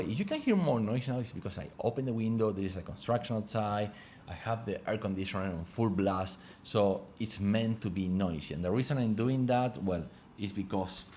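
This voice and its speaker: A man's voice: sits low, a little mellow, slight background noise. A man casually talking through a test of a small wireless microphone at home. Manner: chatty, loose phrasing. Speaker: gear reviewer. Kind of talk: casual product review. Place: home room with open window. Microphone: wireless lav mic under test.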